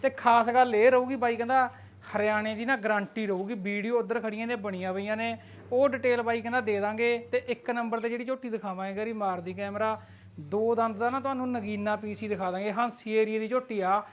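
Brisk man selling buffaloes. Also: high-pitched, steady tone, highs cut off. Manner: brisk salesman patter, calling out directions. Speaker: livestock dealer vlogger. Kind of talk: on-farm livestock showcase. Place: outdoors at a dairy farm.

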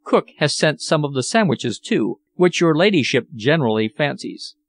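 A man's voice: a little high, animated, moderate pace. A man voicing a formal, deferential elderly male butler in an audiobook.

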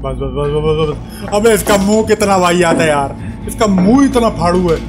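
High-voiced excitable man commenting gameplay. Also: moderate pace. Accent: Urdu-speaking. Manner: excitable, swears and repeats words when scared. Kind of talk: live horror gameplay commentary. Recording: game music playing behind.

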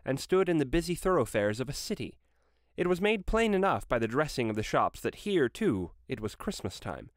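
A man reading a classic story aloud with expressive, varied delivery. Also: fairly high pitch, dry recording, clean studio sound. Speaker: reader.

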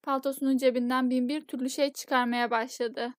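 A woman narrating a novel as an audiobook in a steady, measured storytelling voice. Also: high voice, no room sound, studio quality.

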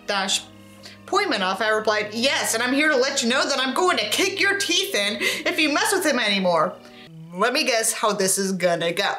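A young woman with a fairly high, sharp voice reads a novel aloud, adding sarcastic, sweary commentary and acting out the dialogue theatrically in raised tones. She's a book reviewer and host, recorded indoors in front of a tinsel backdrop.

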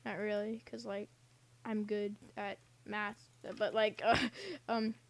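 A woman's voice: mid-range voice, flat delivery, slow pace. A young woman casually commenting on a game she is playing, rambling and giggling with silly asides, recorded at home. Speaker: gaming channel host.

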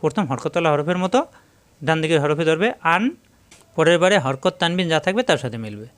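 A man gives a step-by-step Quran recitation lesson, sounding out syllables one at a time in a slow, drilling way. His voice is smooth and clear, a little higher than most men's. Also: lively intonation, a bit bright.

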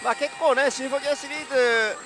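High-pitched man commentating over pachinko music. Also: steady tone, fast. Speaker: pachinko show host. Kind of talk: live play-by-play commentary on a pachinko game. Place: busy pachinko hall, indoors. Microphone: headset. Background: loud game-machine music.

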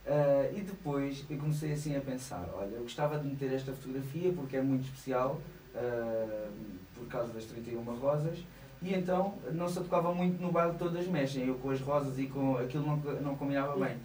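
A man's voice: medium pitch, brisk, darkish tone, roomy sound, distant mic, slight background noise, poor audio. A man in his thirties with a European Portuguese accent, a singer chatting as a guest in a small radio studio, laughing often and hesitating. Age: 30s. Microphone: studio mic, headphones on.

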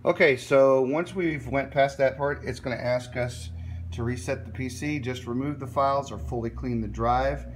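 A man's voice: medium pitch, normal speed, a little hiss or hum. Man walking through a laptop reset. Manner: relaxed, plain, repeats "okay?" to check in. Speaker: tech tutorial host. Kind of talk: step-by-step screen tutorial. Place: indoors at a workbench filming a laptop screen.

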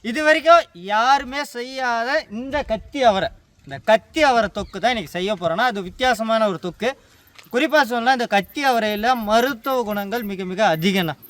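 A man's voice: extremely high pitch, moderate pace, a bit bright. A man co-hosting a cooking show outdoors, earnestly explaining health benefits and repeating points for emphasis. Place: outdoors at a farm garden.

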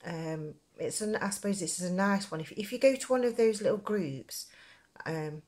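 A woman's voice: mid-range voice, moderate pace, a little mellow. A woman with a Nottingham accent, giving a casual, rambling craft tutorial in a chatty, informal way. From Nottingham, England. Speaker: crochet tutorial presenter.

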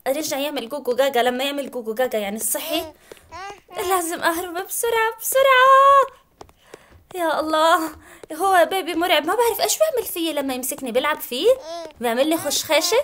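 Fast, high-voiced excitable woman gamer. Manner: excitable, shrieks and laughs often. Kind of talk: let's play commentary.

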